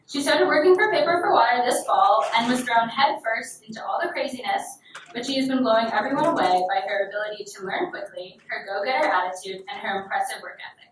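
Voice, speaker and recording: A woman's voice: a little high, brisk, slight background noise. A woman reading prepared remarks, formal and grateful. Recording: echoey hall, distant mic.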